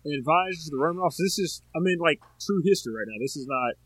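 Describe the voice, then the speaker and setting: A man co-hosting a podcast, chatting casually about a movie in an animated, rambling way. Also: fairly high pitch, fast talker, slight background noise. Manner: animated, rambling, full of filler words. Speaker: podcast co-host. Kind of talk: casual movie review chat.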